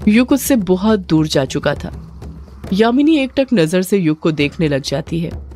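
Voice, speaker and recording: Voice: very animated, unhurried, darkish tone, faint music behind. A narrator reading a dramatic audio story and acting out each character's lines. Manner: acts out every character's lines with raised pitch.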